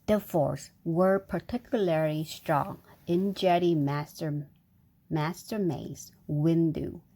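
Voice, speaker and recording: Reading a storybook aloud to a young child, a woman with a low, slow, mellow voice keeps stopping for chatty asides. She draws the child in with questions and sound effects, keeping things engaging.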